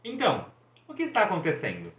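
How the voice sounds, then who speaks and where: A man's voice: wildly swooping pitch, quick pace, a bit bright, exaggerated voice. A man voicing a cocky, boastful young male sun god in a showy, teasing manner. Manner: showy, teasing, high-spirited. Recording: echoey, dull room recording.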